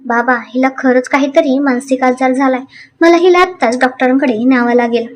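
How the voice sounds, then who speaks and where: A woman voicing a stern young husband who speaks firmly and protectively, in a high voice. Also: brisk, a little hiss or hum, lightly acted. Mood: urgent. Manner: firm, commanding.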